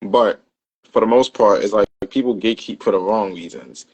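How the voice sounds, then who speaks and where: A man's voice: on the low side, normal speed, highs cut off. A man talking as a guest in a casual chat, loose and full of fillers and restarts.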